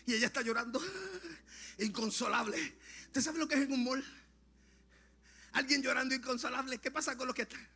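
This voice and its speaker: A male Puerto Rican pastor preaching a Pentecostal sermon, shouting in tongues and then dropping to quiet storytelling. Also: very high voice, steady tone, fairly quick, vocal fry, long pauses, slightly rough. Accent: Puerto Rican Spanish. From Puerto Rico.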